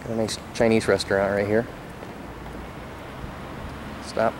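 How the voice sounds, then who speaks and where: A man in his thirties gives a relaxed, wry walking tour, talking while he walks outdoors with a handheld camera. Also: on the low side, a little slow. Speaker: vlogger. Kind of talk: casual walking-tour narration. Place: outdoors on sunny island streets. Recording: outdoor camera audio with street noise.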